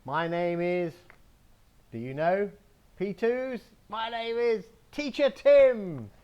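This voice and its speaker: A man from England teaching a slow English lesson to young children, spelling words letter by letter, recorded outdoors in a home garden. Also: high-pitched, expressive, clear, resonant tone, highs cut off.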